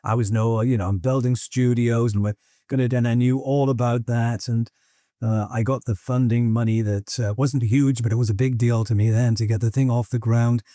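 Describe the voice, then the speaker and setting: A man's voice: medium pitch, fairly even intonation, moderate pace, dark tone, no room sound, clean studio sound. An older man hosting an interview, chatting and telling anecdotes. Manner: chatty anecdotes with laughs and quoted voices. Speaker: podcast host. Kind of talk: conversational interview.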